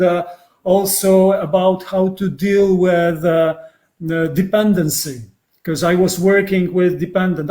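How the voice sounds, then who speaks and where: Hesitant Polish-accented man, high voice. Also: darkish tone. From Poland. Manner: hesitant, many fillers and restarts. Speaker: guest psychotherapist. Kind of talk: casual interview. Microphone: video call.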